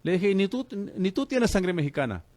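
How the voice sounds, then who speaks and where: A man's voice: high-pitched, big pitch swings, normal speed, darkish tone, dry recording. A man preaching on the radio as a pastor and host, fervent and calling listeners brother.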